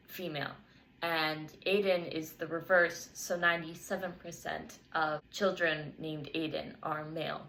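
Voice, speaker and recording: A woman's voice: deep voice, creaky, a bit bright, a little hiss or hum, rough recording. A young woman, a student, interviewing a partner and carefully reading prepared questions and explanations from notes.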